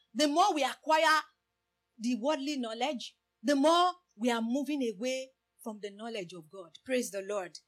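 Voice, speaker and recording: A woman whose voice sits high and a bit bright preaches a sermon in English, a language that isn't her first. She repeatedly says "praise the Lord" and poses rhetorical questions to her listeners.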